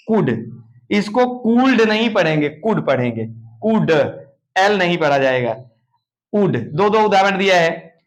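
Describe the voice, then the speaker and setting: A male teacher explaining pronunciation rules, repeating each example word slowly and asking the class questions. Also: high voice, fairly bright tone. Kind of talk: classroom lesson on silent letters.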